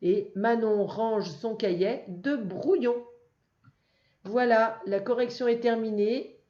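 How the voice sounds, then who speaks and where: A woman teacher walks a young child through the answers, patient and careful, addressing them directly. Her voice is mellow and soft-edged. The recording is roomy and a little dull. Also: fairly high pitch, steady tone. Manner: patient, slow and clear, addressing one child. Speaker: first-grade teacher.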